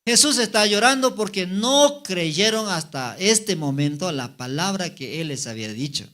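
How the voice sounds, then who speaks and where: A man delivers a Sunday sermon in a fairly high voice. He reads scripture aloud, then stops to comment and ask the congregation rhetorical questions. His voice climbs and slows on the quoted lines. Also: animated, sharp tone. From Bolivia. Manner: voice rises and slows for the quoted words. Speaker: evangelist preacher.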